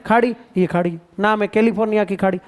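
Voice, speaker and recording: A man with a Rajasthani Hindi accent teaching geography to a class, playful and quizzing students with drawn-out repetitions. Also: high-pitched, fairly even intonation. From India. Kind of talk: classroom lecture.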